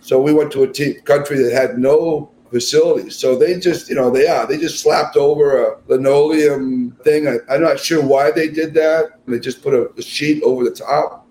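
A man's voice: medium pitch, fairly even intonation, normal speed, few pauses, mellow, echoey room, a little hiss or hum, low-quality recording. A man, a national basketball team coach, talking through interview answers in a conversational way with frequent fillers and restarts.

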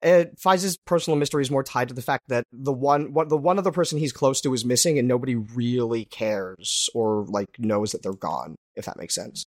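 A man talking through his character at a tabletop game in a middle-pitched voice, thoughtful and a little hesitant. The recording is dry and close. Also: fairly quick, few pauses, darkish tone, no echo. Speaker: tabletop role-play player. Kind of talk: casual role-play table talk.

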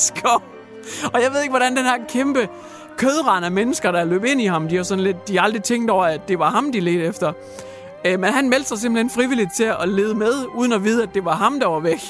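Male radio host, high voice, crude comic storyteller, light music under him. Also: fairly bright tone. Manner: jokey, crude, theatrical retelling. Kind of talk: comic radio news chat.

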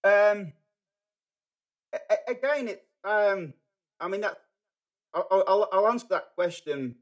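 A middle-aged man from England with a Manchester accent, talking as a podcast guest in a halting way, full of fillers and restarts. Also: high-pitched, expressive. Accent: Manchester English. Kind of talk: casual podcast conversation.

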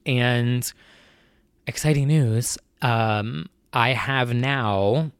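A nervous young man talks alone into the mic, rambling and candid, with plenty of fillers. His voice has a gravelly, creaky edge and sits in a middle pitch. The sound is dry and close, with no room around it. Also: drawn-out words, dry recording. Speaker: podcast host. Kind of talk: casual solo talk.

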